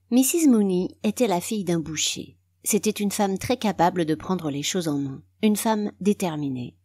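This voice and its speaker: Female audiobook narrator, lowish voice, calm measured literary reading.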